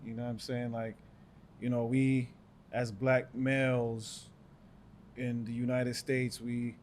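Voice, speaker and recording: A man's voice: medium pitch, level tone, takes it slowly, darkish tone. Jamaican-born young male co-host, reflective, chatty, faint background noise. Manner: reflective, many fillers. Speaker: podcast co-host. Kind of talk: casual chat.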